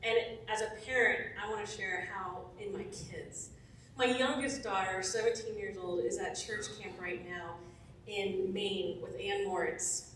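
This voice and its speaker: A woman in her forties, chatty and laughing often, telling a warm testimonial story to a church. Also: mid-range voice, steady tone, a little slow, a little hiss or hum. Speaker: former church member giving a testimonial. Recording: echoey room from far off.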